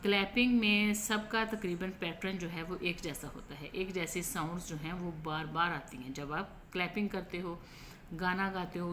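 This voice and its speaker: Female teacher, Pakistani accent, unhurried and low-voiced, faint hum behind. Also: a bit bright. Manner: slowly reads English lines, then explains in Urdu. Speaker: English teacher. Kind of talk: explaining a textbook lesson.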